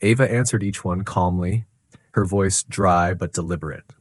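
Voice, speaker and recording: Deep-voiced male narrator, husky and dry, steady scripted storytelling. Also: moderate pace, dry recording.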